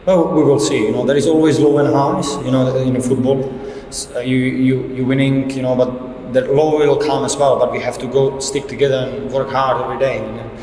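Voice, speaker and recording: This football head coach, in his thirties, talks to reporters after the match through a table microphone, keeping things fairly plain and restarting often. His tone is level and mellow at medium pitch, a bit fast, with reverb from the room and slight background noise.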